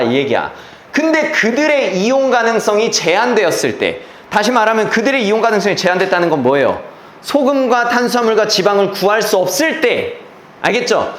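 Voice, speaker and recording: An English teacher with a high, slightly bright male voice lectures his class through an exam passage. He keeps checking in with rhetorical questions and blunt slang, and the room adds a spacious echo with faint ambience.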